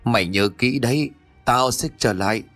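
A man's voice: fairly low pitch, expressive, fairly quick, no room sound, faint music behind, natural voice. A man voicing a vengeful old male spirit who has possessed a boy, speaking in a snarling, threatening way. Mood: menacing.

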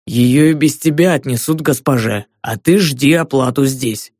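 A man's voice: mid-range voice, normal speed, a little mellow, no echo, studio quality, close to an everyday voice. A man voicing a stern guard captain. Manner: stern, commanding. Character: stern, gruff male chief of the guards.

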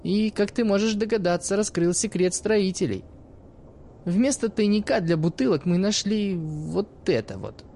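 A man's voice: high-pitched, lively intonation, moderate pace, vocal fry, darkish tone, a little hiss or hum, voice pushed up. A man doing a brash foul-mouthed young woman. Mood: cocky. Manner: cocky, mocking, swears freely.

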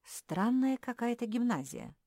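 A woman voicing an excitable, forgetful young schoolgirl with a very high voice. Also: measured pace, dry recording, studio quality. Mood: curious.

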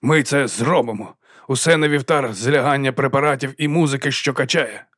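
A man voicing an excitable male band leader who talks loudly and insistently. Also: mid-range voice, normal speed, no echo, studio quality, voice pushed up, close to an everyday voice. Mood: fired up.

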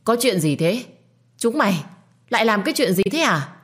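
A woman's voice: mid-range voice, sing-song, normal speed, husky, voice pushed up. A woman voicing a domineering middle-aged mother in a storybook reading, harsh and scolding. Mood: furious. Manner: scolding, shouting.

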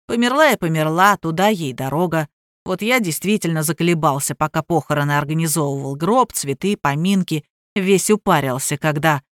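A woman reader voicing a stolid male chauffeur in an audiobook. He tells things calmly and plainly in a lowered voice. The recording is dry and close. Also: no echo, close to an everyday voice. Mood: matter-of-fact. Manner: unhurried, matter-of-fact, colloquial. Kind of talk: audiobook character voice.

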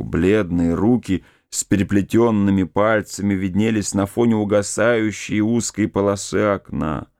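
A man giving a grave, measured reading of a literary novel as the first-person narrator. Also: low voice, darkish tone, no echo, clean studio sound. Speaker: audiobook narrator.

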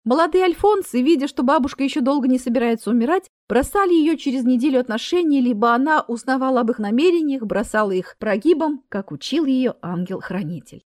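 A woman's voice: high-pitched, lively intonation, brisk, few pauses, a little mellow, no echo, studio quality. Woman narrating a wry story.

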